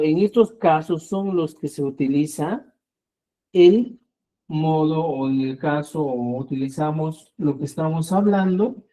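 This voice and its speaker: A man's voice: a little high, warm tone, rough recording. A man teaching an online language class, patiently explaining and often checking in with the students.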